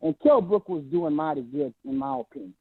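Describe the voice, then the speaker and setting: A man calling in on a phone held too far from his mouth, so he sounds faint and low, talking hesitantly with frequent restarts. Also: sing-song, fairly quick, vocal fry, over a noisy crowd. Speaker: caller. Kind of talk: casual chat. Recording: tinny phone line.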